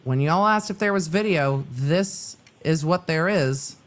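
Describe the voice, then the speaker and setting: Higher-pitched man giving casual trial commentary. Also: unhurried, a bit bright. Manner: informal, explanatory asides. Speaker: livestream commentator.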